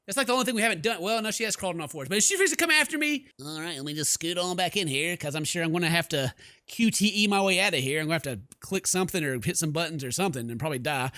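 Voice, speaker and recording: Racing along in a bright, forceful voice on the high side, this expressive man exclaims and reads game text aloud in playful, theatrical let's play commentary. As a gaming video host, he uses a close desk microphone; faint game music plays and there's no echo.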